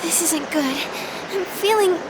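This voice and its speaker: A woman's voice: very high voice, unhurried, very noisy. Shy teenage schoolgirl. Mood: anxious. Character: shy gentle teenage schoolgirl, polite junior. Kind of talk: video game voice acting. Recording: game audio with background music.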